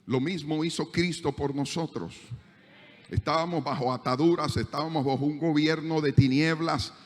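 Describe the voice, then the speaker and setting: A man's voice: a little high, fairly even intonation, normal speed. Man, Panamanian accent, pastor, sermon, reverberant church hall. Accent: Panamanian Spanish. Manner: preaching with rising emphasis, acting out dialogue in anecdotes.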